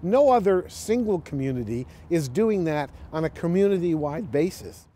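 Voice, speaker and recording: A man gives an assured, explanatory interview as a local official. His voice sits a little high, with a dark, mellow tone and faint noise in the background. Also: expressive, unhurried.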